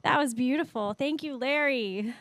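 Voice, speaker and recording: A woman in her forties preaches in a church and tells personal stories. She sounds emotional and laughs often. Her voice is high and the sound is close and dry. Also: moderate pace, fairly bright tone, no echo. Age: 40s. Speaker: guest speaker. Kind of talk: spoken sermon with personal stories. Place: church sanctuary.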